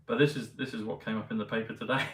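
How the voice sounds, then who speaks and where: Guy talking to camera, kinda low and monotone, wanders off a lot, roomy echo from far off the mic w faint background hum. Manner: meandering, hesitant, many pauses and fillers. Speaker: vlogger. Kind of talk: rambling casual monologue.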